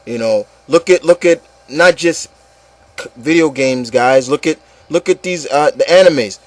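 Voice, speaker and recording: He speaks unhurriedly in a slightly high voice, with no room sound on the recording. Hosting an informal opinion show with a co-host, he rants bluntly and in exasperation, stammering, swearing and repeating himself.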